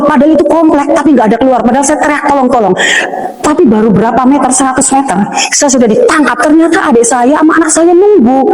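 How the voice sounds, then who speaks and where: A woman's voice: fairly high pitch, a little mellow. A middle-aged woman from Banten giving a personal religious testimony, telling her story emotionally and vividly with frequent hesitations. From Banten, Indonesia. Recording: echoey room with long reverb.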